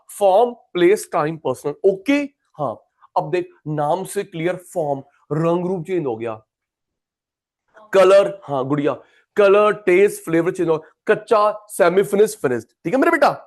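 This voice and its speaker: A man teaching an economics class, chatty and repetitive, calling students by name. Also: high-pitched. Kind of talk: classroom lecture.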